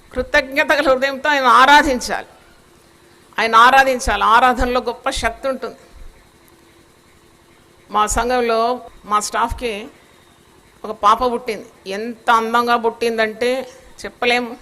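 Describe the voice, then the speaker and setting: Woman pastor, preaching a sermon; high, bright, forceful and scolding.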